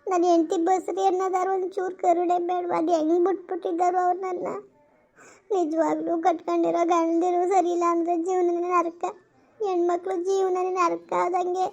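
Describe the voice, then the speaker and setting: A woman voicing a tearful, hurt pregnant young wife in an animated story, speaking in plaintive complaints. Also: very high voice, moderate pace. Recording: lo-fi, dull voice-over.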